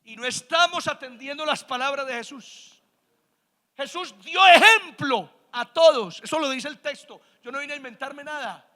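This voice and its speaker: Man, pastor, emphatic sermon, bright ringing voice, long church reverb. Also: very high voice, normal speed. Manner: emphatic, calls the congregation to answer amen.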